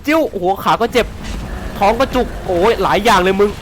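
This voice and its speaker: A man commentating his game playthrough in an excitable way, swearing and laughing as he plays. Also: high voice, a little fast, a little hiss or hum. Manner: excitable, swears and shouts often; laughs a lot. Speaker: gaming YouTuber.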